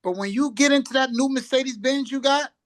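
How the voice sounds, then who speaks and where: A man's voice: very high voice, a little fast. A man hosting a casual podcast chat, emphatic and preachy, repeating himself for emphasis. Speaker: podcast host.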